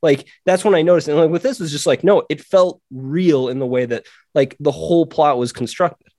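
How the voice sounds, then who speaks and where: A man co-hosting a podcast in casual chat, animated and acting out quotes in a raised voice. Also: a little high, fairly quick, no room sound, clean studio sound. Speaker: podcast co-host.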